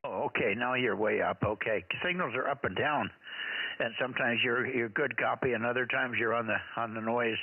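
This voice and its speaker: A man talking over a two-way radio as net control, in a relaxed, chatty manner with small hesitations. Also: mid-range voice, brisk. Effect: heard over a two-way radio. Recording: tinny radio with heavy static.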